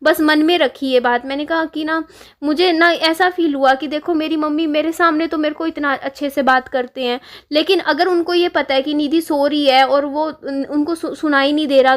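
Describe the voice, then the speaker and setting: A young woman vlogger telling a painful family story in a halting, upset way, with many restarts. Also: high voice. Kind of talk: casual confessional vlog.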